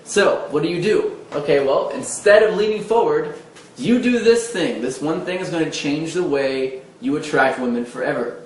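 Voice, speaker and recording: A man's voice: fairly high pitch, normal speed, slight background noise. Man coaching, in a roomy echo. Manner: explains step by step, acting out gestures as he talks. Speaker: dating coach. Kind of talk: casual instructional talk to camera. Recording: roomy echo, faint background ambience.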